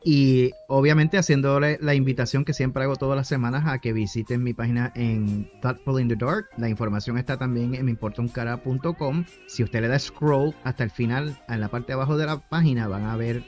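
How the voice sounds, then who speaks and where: A man co-hosting a podcast, telling jokes loudly and laughing as he acts out the characters. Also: mid-range voice, steady tone, fairly quick, hardly any pauses. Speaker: podcast co-host. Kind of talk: casual joke-telling chat. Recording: dull lo-fi podcast audio with music.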